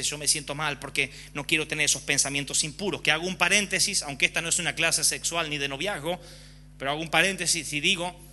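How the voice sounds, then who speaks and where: A man's voice: a little high, bright, forceful tone, a little hiss or hum. A man preaching a sermon frankly and with passion, often acting out examples. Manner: impassioned, frank, acts out examples.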